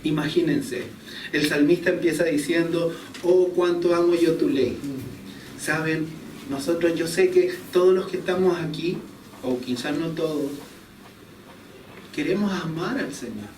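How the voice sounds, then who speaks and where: A man's voice: a little high, unhurried, darkish tone. Young man, preaching from a distance, echoey room, faint ambient noise. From Chile. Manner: conversational storytelling, chuckles at himself. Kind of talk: sermon with personal story. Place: church hall.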